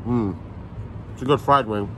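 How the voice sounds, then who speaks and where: A man's voice: mid-range voice, moderate pace, pushed and bright, low-quality recording. Man, food review host, chatty, mouth full of food, faint noise behind. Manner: chatty, laid-back, rambling.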